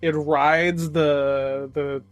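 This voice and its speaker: A man's voice: a little high, little pitch movement, drawn-out words, no echo, lo-fi sound. A man co-hosting a podcast, chatting casually in an enthusiastic, profane, rambling way with lots of fillers. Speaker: podcast co-host. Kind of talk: casual chat.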